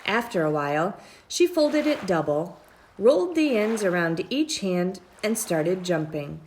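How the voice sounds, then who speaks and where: A woman reads a children's story aloud slowly and deliberately, drawing out phrases as her pitch rises and falls with plenty of expression and lively intonation. Faint noise can be heard on the recording.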